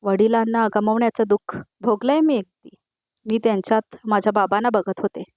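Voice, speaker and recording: A woman's voice: fairly high pitch, fairly even intonation, normal speed, a little mellow, dry recording, studio quality. A woman giving a voice-over recap of a TV serial, retelling each scene's dialogue one line at a time and turning to address the viewers directly.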